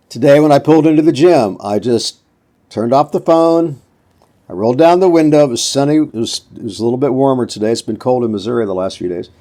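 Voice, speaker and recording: A man's voice: mid-range voice, mellow. A man in his seventies hosting a casual motivational talk, telling folksy stories and acting out what people said. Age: 70s. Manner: folksy storyteller, acts out quotes. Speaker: podcast host.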